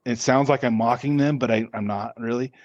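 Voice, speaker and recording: A man's voice: medium pitch, steady tone, dry recording, highs cut off. A man, a podcast guest, answering interview questions casually, often stopping and restarting his words. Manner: halting, with many restarts and repeated words.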